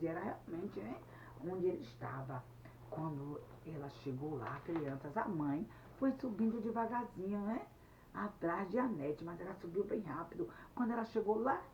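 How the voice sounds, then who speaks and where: A woman missionary telling a story to children, addressing them directly and using many fillers. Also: lowish voice. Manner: talks straight to the children, with many fillers and gestures. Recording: dull lo-fi sound, slightly distant, faint noise.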